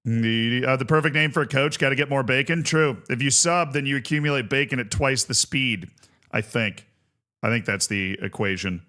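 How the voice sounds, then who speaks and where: A man hosting a casual gaming livestream, chatting playfully with viewers and giving exclamatory, jokey shout-outs. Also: medium pitch, normal speed. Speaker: live streamer host.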